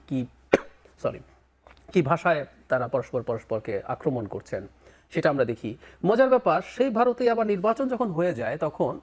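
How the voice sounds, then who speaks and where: A man giving political analysis as a talk show guest, dropping English phrases into his speech. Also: on the high side. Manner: lively, mixes in English phrases.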